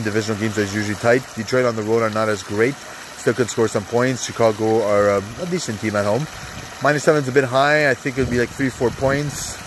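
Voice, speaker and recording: Against a noisy background, a congested man with a mid-range voice and a sore throat rambles through football picks. He's a sports betting vlogger giving a casual NFL rundown from an outdoor hot tub on a cold day, heavy on fillers and hyped asides.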